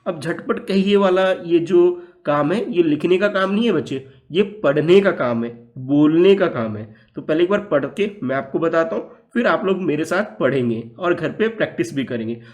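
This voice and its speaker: A man's voice: a little high, expressive, normal speed, hardly any pauses, a little mellow. A man teaching young children, patiently repeating words and asking questions back. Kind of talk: classroom lesson for young children.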